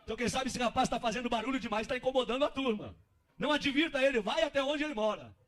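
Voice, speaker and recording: Man playing a devout wife, earnest, gentle, high-pitched. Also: animated, fast talker. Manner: earnest counsel.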